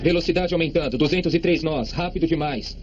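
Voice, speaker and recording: An airline pilot on the cockpit radio. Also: male voice, a little high, fast. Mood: tense. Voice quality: clipped, procedural radio talk. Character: calm professional male airline pilot. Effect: cockpit radio call over a headset. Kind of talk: dubbed documentary reenactment. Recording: dull lo-fi sound with steady noise.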